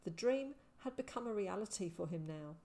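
A woman narrating an audiobook, reading a story in an expressive way. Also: mid-range voice, normal speed. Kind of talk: scripted narration.

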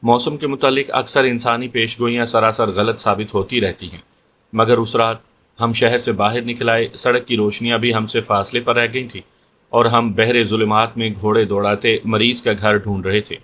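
A man narrates a horror story in a measured, steady storytelling voice. His pitch sits right in the middle for a man.

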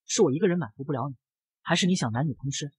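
A man voicing a calm, blunt young man with a deadpan delivery, in a comic narration. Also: a little high, racing, breathy edge, dry recording, rough recording.

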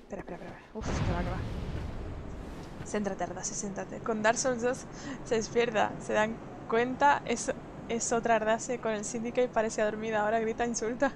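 Young spanish woman streaming a game, high lively voice, lots of noise behind her. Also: normal speed. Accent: Spain Spanish. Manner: excitable, jumps to loud shrieks when startled. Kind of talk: live gameplay commentary.

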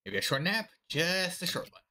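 A man's voice: sits high, big pitch swings, normal speed, sharp tone, a little hiss or hum, pitched above the performer's own voice, heavily acted. A man voicing a caring, weary teenage girl who is an older sister, reading game dialogue aloud in a fond, chatty way. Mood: tired.

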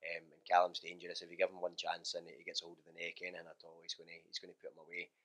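A man in his thirties, an MMA fighter, answering interview questions in a relaxed way with many fillers, recorded indoors in a small gym room on a handheld mic. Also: deep voice, very fast. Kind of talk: post-training interview. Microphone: handheld mic held close.

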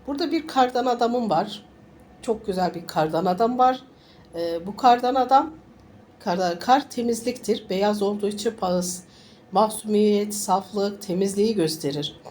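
A woman sniffly with a summer flu, reading fortunes informally for viewers in a halting, reassuring way and often repeating her phrases. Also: medium pitch, darkish tone, slight background noise. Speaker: fortune teller.

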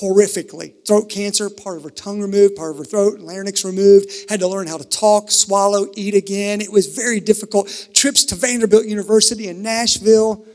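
A man from Kentucky preaching a sermon at a pulpit microphone, earnest, shifting between emphatic and hushed. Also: sits high, steady tone, a little fast, hardly any pauses. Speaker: pastor. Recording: reverberant sanctuary, pulpit mic.

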